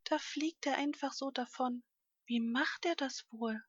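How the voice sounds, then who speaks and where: A woman's voice: high-pitched, unhurried, slightly rough, no echo, lo-fi sound, voice pushed up. A woman voicing an eager, childlike little male elephant in a storybook reading.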